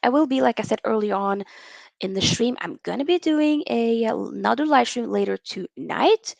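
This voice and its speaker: A woman's voice: fairly high pitch, normal speed, gravelly, no echo. Chatty woman hosting a football livestream. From Norway. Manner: animated and chatty, reads out viewer comments. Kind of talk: casual live-stream chat with viewers.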